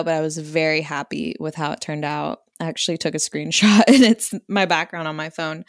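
A woman's voice: on the low side, clear, resonant tone, no room sound, clean studio sound. A woman hosting a podcast as an adult content creator, speaking candidly in an intimate, informal style. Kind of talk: casual podcast chat, then reading an erotic message aloud.

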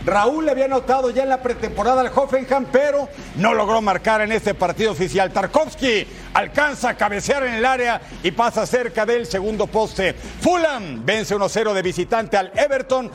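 A man giving football highlights commentary in a colloquial, exclamatory way, talking straight to the viewer. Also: normal speed.

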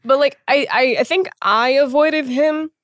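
Relaxed woman in her mid twenties. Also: high voice, measured pace, no room sound, clean studio sound. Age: mid 20s. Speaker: podcast co-host. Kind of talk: casual chat.

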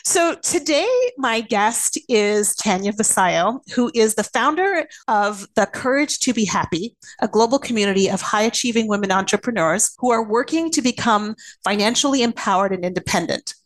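A woman hosting a podcast interview, animated and quick to laugh. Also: mid-range voice, low-quality recording. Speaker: podcast host. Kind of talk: casual interview.

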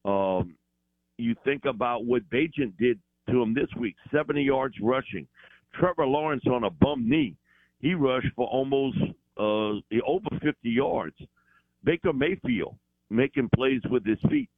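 A man calling in as a football analyst, talking in an animated, rambling way with fillers over a phone line. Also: mid-range voice, unhurried, gravelly, no room sound.

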